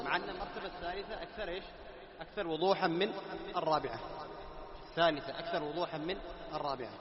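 Man, teacher, quizzes students, repeats terms, high voice, long hall reverb. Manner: quizzes students, repeats key terms, slows down to recite examples. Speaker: Quran recitation teacher. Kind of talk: classroom lesson on tajweed. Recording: echoey hall, dull lo-fi sound.

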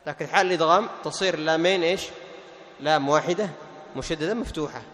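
A male Quran teacher explaining tajweed rules to a class. He asks questions, answers them himself, repeats the key terms and slows down to recite the verse examples. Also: fairly high pitch, fairly bright tone. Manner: recites verses slowly and melodically. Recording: long hall reverb.

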